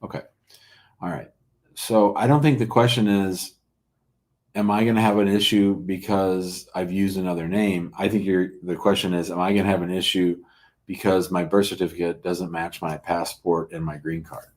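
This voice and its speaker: A man hosts a call-in show, taking callers' immigration questions and giving informal legal advice in a blunt, probing, conversational way. His voice is deep and darkish, level in tone, at a moderate pace.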